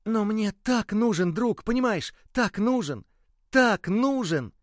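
A man voicing a small burst rubber ball that pleads in a high, tearful way. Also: expressive, slow, no echo, clean studio sound. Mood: pleading.

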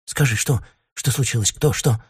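A man voicing a frantic, easily scared young woman in a storybook reading, with shrill panicky cries. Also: moderate pace, slightly rough, dry recording, clean studio sound. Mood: flustered.

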